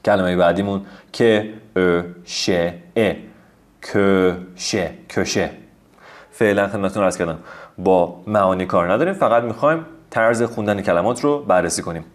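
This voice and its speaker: A man giving a recorded language lesson over slides, patiently spelling out letters and sounding out words slowly. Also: fairly low pitch. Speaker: language teacher.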